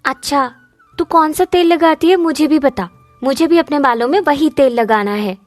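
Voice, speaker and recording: A woman voicing a spoiled, jealous teenage girl in a cartoon, with a shrill, mocking, bossy way of talking. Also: normal speed, no room sound, faint music behind, lightly acted. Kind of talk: cartoon dubbing.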